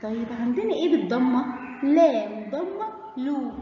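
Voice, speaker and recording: High lively Egyptian woman teaching kids. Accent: Egyptian Arabic. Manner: drawn-out syllables, cheerful praise to kids. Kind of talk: children's Arabic letter lesson. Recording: echoey, dull, lightly noisy room.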